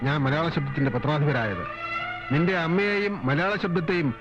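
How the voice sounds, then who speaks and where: Actor doing proud older editor dad, measured and hurt, kinda high voice, muffled film audio with faint music. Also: male voice, lively intonation, lightly acted. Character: proud older man, newspaper editor and father. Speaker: newspaper editor. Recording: dull film soundtrack with soft music.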